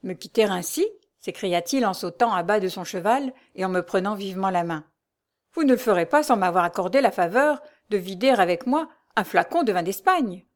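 A woman voicing a naive young provincial gentleman, speaking with formal courtesy. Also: mid-range voice, expressive, moderate pace, close to an everyday voice. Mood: eager.

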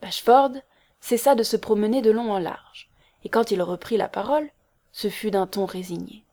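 Casting: woman narrator for an audiobook, measured, mid-pitched. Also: mellow.

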